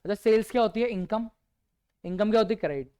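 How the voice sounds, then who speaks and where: A male teacher giving a revision lecture who keeps asking his students rhetorical questions and answers many of them himself with quiet one-word replies. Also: sits high, quick pace, clean tone.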